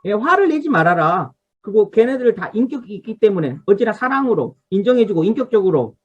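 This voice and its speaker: A woman's voice: mid-range voice, big pitch swings, fast, slightly rough, muffled recording. A woman pastor leading an online revival Bible study over a video call. She teaches from a study guide, tells listeners what to underline, and asks the congregation to respond.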